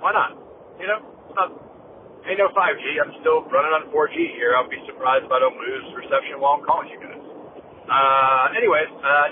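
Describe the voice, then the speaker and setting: A man in his thirties leaving a chatty, rambling voice message as a listener calling in, played back over a phone line. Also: mid-range voice. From Massachusetts. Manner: chatty, rambling, upbeat then wistful. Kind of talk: casual voicemail update. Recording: tinny phone voicemail with loud background noise.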